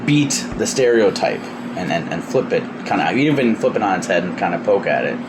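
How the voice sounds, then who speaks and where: A man's voice: low voice, fairly quick. A man in his thirties hosting a casual podcast, chatty and opinionated, laughing often. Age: 30s. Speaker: podcast host. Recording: steady air-conditioner hum.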